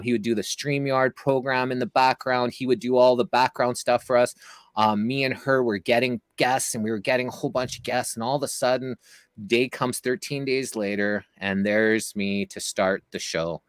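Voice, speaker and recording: A man's voice: medium pitch, steady tone, normal speed, smooth, no room sound. A man telling a long story as an interview guest, casual and rambling, with many fillers and restarts.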